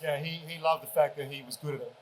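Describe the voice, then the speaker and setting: A man's voice: a little high, steady tone, fast, a little hiss or hum, rough recording. A man on a convention panel giving rambling answers full of restarts.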